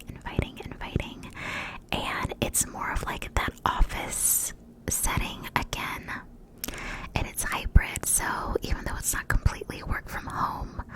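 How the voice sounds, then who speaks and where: Whispering young American woman, ASMR ramble. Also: poor audio. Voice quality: breathy whisper. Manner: rambling, repeats words slowly. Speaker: ASMR creator. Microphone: close mic for cupped whispering.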